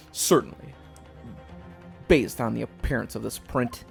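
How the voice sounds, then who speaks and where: A woman's voice: a bass voice, takes it slowly, vocal fry, darkish tone, soft background music, pitched below the performer's own voice, heavily acted. A woman voicing a stern male court official from a courtroom game, lecturing in a stiff, formal way.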